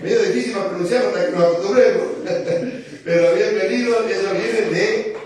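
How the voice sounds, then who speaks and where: A man's voice: sits high, crowd noise. A man, the host pastor, welcoming a visiting couple to the service with jovial, laughing banter. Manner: warm, jovial, quick to laugh. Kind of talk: welcoming a guest in a church service. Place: church sanctuary. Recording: echoey church hall, far from mic.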